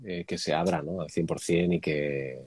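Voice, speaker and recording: A man with a Spanish accent hosting a casual interview, talking in a relaxed, conversational way with some mild swearing. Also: extremely low pitch, moderate pace, husky, dry recording. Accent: Spanish from Spain.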